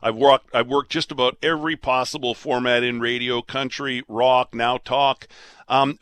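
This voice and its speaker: A man in his late fifties hosting a radio talk show, chatting in a relaxed, rambling, self-deprecating way. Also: medium pitch, no echo. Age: 50s.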